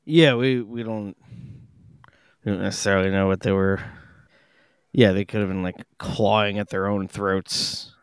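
Slow-talking man riffing with laughs. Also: fairly low pitch, fairly even intonation, clear, resonant tone, no echo, studio quality. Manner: laughs often, jokey riffing. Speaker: podcast co-host. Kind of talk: casual comedic chat.

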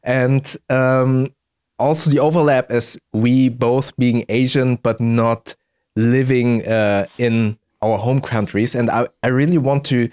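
A podcast host raised in Germany speaks in a medium-pitched, darkish voice. In a casual conversation, he asks questions thoughtfully and hesitantly, with lots of fillers.

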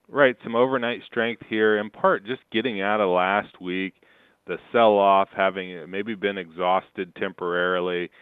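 A man talking over the phone as a market analyst guest, giving steady commentary with frequent fillers. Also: low-pitched, a little slow, clean tone, no echo. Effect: heard over the phone. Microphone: telephone. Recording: narrow phone line.

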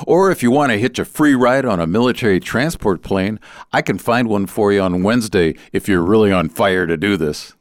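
A man voicing an easygoing, overweight Air Force recruiter with a Southern accent and an unhurried drawl. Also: on the low side, no echo, studio quality, lightly acted.

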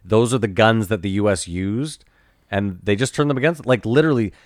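A man's voice: on the low side, brisk, no room sound, studio quality. A man co-hosting a podcast, talking bluntly and loosely in casual chat, with some swearing. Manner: blunt, profane, loose rambling talk. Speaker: podcast co-host.

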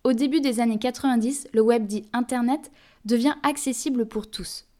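A woman's voice: on the high side, normal speed, a little mellow. A young woman hosting a podcast, talking to the listener in a friendly, casual scripted way. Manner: friendly, addresses listener directly. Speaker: podcast host.

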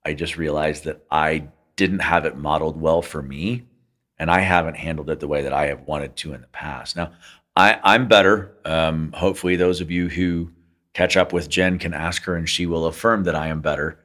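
A man's voice: extremely low pitch, steady tone, moderate pace, a bit bright. A man co-hosting a podcast, speaking earnestly and reflectively in casual conversation. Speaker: podcast co-host. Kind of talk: casual chat.

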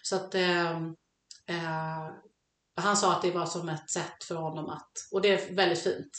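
A woman speaks in a slightly low voice, pausing often as she gropes for the right words. Her talk is a relaxed, thoughtful chat about music. The sound carries noticeable room echo. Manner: halting and reflective, searching for words. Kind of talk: casual chat about songs. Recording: echoey room.

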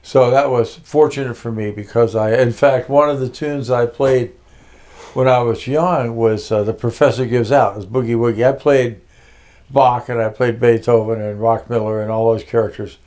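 A man's voice: mid-range voice, steady tone, normal speed, darkish tone. An older man from Connecticut, a music producer being interviewed, telling his life story casually with many fillers and restarts.

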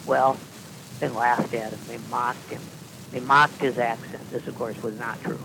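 A man, a podcast guest, telling long anecdotes in a deadpan style with dry asides and frequent restarts. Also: mid-range voice, measured pace, gravelly, background noise. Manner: deadpan, self-correcting storyteller with dry asides. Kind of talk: casual anecdotal storytelling.

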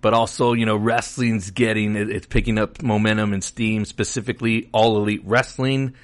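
A man's voice: lowish voice, level tone, normal speed. A man with an American accent hosting a show solo in an informal, rambling, casual style. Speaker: podcast host.

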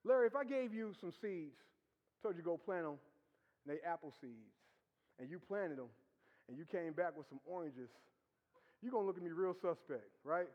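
High-voiced pastor preaching in a reverberant hall. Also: male voice, lively intonation, moderate pace, pauses often. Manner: conversational, teasing preaching with laughs and rhetorical questions. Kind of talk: sermon. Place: church hall. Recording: dull sound with long hall reverb.

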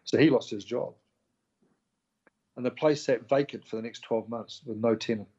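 A man's voice: mid-range voice, normal speed, breathy edge, dull audio. A man with a New Zealand accent telling his story in casual conversation, acting out the voices of the people he quotes. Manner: animated, acts out quoted dialogue. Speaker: interview guest.

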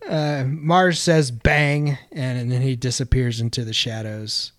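Man, podcast host, recapping film scenes, mid-pitched voice, dry close sound. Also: unhurried, no room sound. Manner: recaps scenes in plain narration. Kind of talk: casual podcast chat.

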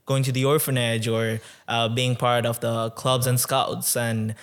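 Smooth-voiced young man, level delivery. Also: medium pitch. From Tanzania. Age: 20s. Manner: relaxed, many "um"s, measured and reflective. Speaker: podcast guest. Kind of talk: conversational interview.

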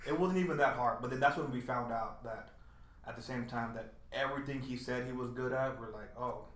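A young man telling stories in casual chat, animated and profane. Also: mid-range voice, brisk, echoey room.

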